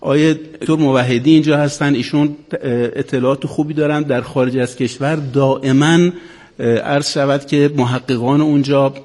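A man gives a formal, unscripted address as a guest scholar. His measured voice carries long hall reverb. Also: medium pitch, fairly even intonation, darkish tone. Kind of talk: formal extempore speech.

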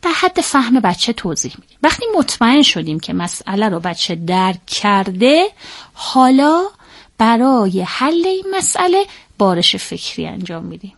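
This is a woman giving an interview as a parenting expert, with a voice of ordinary, middling pitch. She explains things step by step in a measured, methodical way and often stops to rephrase before going on. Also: sing-song.

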